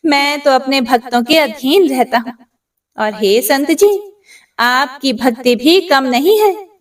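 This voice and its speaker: A woman voicing the god Krishna as a calm, gracious male deity who speaks reassuringly in a told story. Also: sits high, distant mic.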